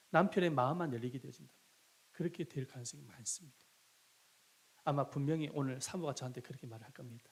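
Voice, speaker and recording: A man from Korea's Gyeongsang Province preaching a sermon as a pastor, emphatic and asking the congregation rhetorical questions. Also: on the high side. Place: church sanctuary.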